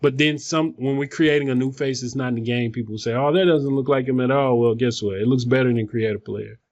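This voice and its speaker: A man's voice: medium pitch, fairly even intonation, brisk, a little mellow. Man on dull, distant phone recording. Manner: informal, rambling, thinking aloud. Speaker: video tutorial presenter. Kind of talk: casual off-the-cuff software tutorial. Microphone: phone, some distance away.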